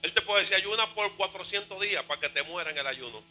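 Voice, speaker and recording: A male pastor preaching a fervent sermon, shouting and half-singing his phrases. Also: sits high, expressive, fast, slight background noise, rough recording.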